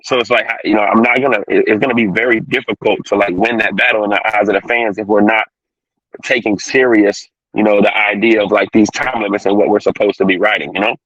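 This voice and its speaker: A man's voice: fairly low pitch, fairly even intonation, a bit bright, no echo. Man on a fuzzy, distorted call. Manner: rapid, full of "you know" fillers. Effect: fuzzy distorted connection. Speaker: battle rapper guest. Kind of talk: casual online interview. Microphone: online call from a phone on mobile data. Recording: dull lo-fi distorted call audio.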